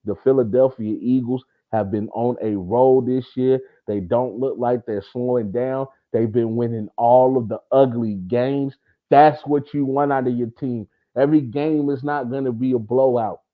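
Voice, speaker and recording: A man hosting a sports talk show, talking casually and emphatically in slangy speech that builds to excited outbursts. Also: medium pitch, moderate pace. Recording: tinny phone-like sound.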